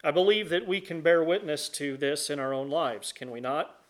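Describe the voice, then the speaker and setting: A man preaching a sermon and leading prayer from the pulpit, earnest and measured, pausing between phrases. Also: a little high, steady tone, fairly bright tone. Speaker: pastor.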